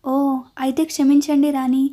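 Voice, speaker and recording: A woman's voice: high voice, level tone, normal speed, mellow, natural voice. A woman voicing a playful, teasing young man who protects a queen in a storybook tale. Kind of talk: storytelling narration.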